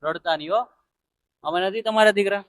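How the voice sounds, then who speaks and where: A man hosting a charity video outdoors by a roadside, interviewing gently and reassuringly and making an earnest appeal to viewers. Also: high-pitched, a little fast, clear, resonant tone, no echo.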